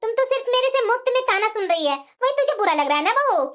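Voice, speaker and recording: A woman's voice: very high voice, expressive, fast talker, a bit bright. A woman playing a taunting, bossy cartoon mother-in-law. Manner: mocking, scolding tone. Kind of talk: cartoon voice acting.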